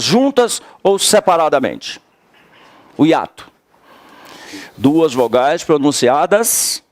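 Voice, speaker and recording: Lively slow-talking Brazilian teacher. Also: male voice, fairly high pitch, no room sound. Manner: emphatic, repeats key words, quizzes students. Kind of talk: classroom lecture.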